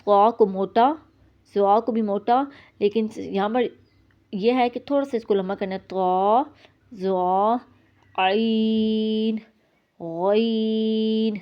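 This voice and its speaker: A woman teaching a beginner tajweed lesson. She explains in a plain way and draws out each letter sound slowly. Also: medium pitch, muffled recording. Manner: slow drawn-out letter demonstrations between plain explanations.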